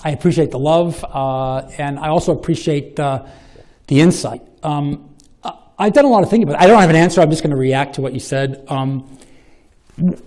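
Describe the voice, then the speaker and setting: A man with a Boston accent giving a live public talk and answering audience questions, animated and long-winded, with a self-deprecating streak. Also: a little high. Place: lecture hall with an audience.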